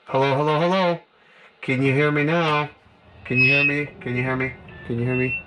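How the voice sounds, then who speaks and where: Speaking briskly and flatly in a slightly high voice, this product reviewer thinks aloud as he tries the product out. His commentary is casual and meandering. The recording is noisy and has clicks.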